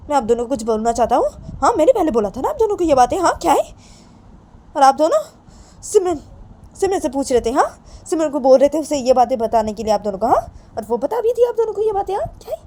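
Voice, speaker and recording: Woman voicing a young daughter, hurt, reproachful, high and loud, repeats questions. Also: big pitch swings, fast. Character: upset young woman pleading with her parents.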